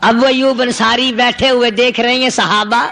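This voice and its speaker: A man's voice: extremely high pitch, fairly even intonation, gravelly, bright, forceful tone, big-room sound. A man preaching a sermon in an emphatic, rhythmic way, stacking repeated phrases. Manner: emphatic, rhythmic, repetitive lists.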